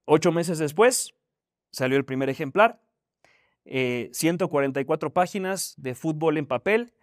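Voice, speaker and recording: Lively Mexican man telling his story. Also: on the high side, moderate pace, no room sound, studio quality. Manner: animated storytelling with slang. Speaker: guest speaker. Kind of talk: casual talk to students. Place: university talk.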